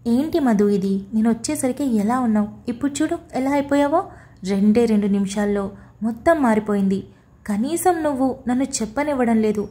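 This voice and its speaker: A woman's voice: fairly high pitch, brisk, dark tone, lightly acted. A woman voicing a young husband who coaxes and teases his wife in an audiobook story, in a playful manner. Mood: coaxing. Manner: coaxing, playful. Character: young husband, teasing and soothing. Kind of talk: audiobook character voice.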